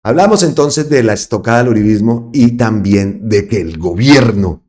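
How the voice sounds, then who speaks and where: A man's voice: on the low side, moderate pace, darkish tone. Emphatic man giving commentary. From Colombia. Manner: emphatic, repeats phrases for stress. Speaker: host of an online political channel. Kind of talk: political commentary monologue.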